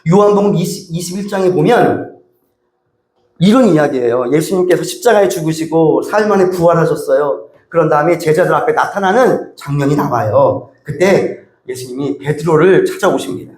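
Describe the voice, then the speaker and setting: A male pastor delivers a sermon in a high, bright voice, pressing his points with one rhetorical question after another. The sound rings around a roomy church sanctuary with a lot of echo. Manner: emphatic, with many rhetorical questions to the congregation.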